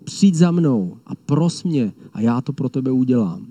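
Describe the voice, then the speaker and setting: A man voicing a strong, victorious lion who shouts encouragement. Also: medium pitch, expressive, slightly rough, no echo. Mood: reassuring.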